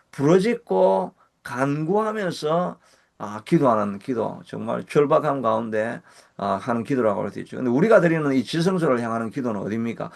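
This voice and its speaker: A man pastor with a Gyeongsang Korean accent preaching a sermon, earnest, slowing and rising in pitch when he voices prayers. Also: creaky. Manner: earnest, slows and rises when voicing prayers. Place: church service.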